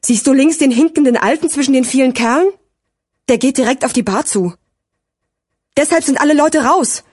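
A woman's voice: high voice, normal speed, long pauses, darkish tone, slightly rough, dry recording, studio quality, pitched above the performer's own voice. A woman voicing a skinny, wary fourteen-year-old boy in an audiobook, urgent and doubtful. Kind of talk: audiobook character voice.

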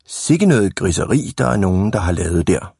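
A man's voice: fairly low pitch, dark tone, slightly rough, no echo, clean studio sound. A man reading a storybook aloud who voices a mischievous young boy in a raised, eager tone.

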